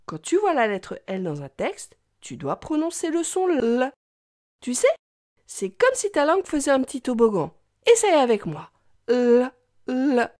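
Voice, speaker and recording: Woman, children's reading teacher; slightly high voice, exaggerated and slow, dry studio sound. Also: no echo. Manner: slow, sing-song, exaggerated for young kids.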